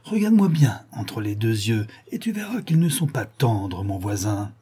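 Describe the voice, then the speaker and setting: A man's voice: on the low side, very animated, moderate pace, dark tone, slightly rough. A man voicing a scornful, vengeful young woman, an ex-model, mocking and menacing. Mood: bitter menacing. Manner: mocking, then bitter and menacing.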